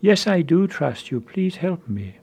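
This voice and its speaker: A man preacher voicing a desperate man clinging to a tree on a cliff face, shouting pleas for help. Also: a little high, very animated, a little slow, gravelly, breathy edge, pitched above the performer's own voice, exaggerated voice. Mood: pleading. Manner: pleading shouts.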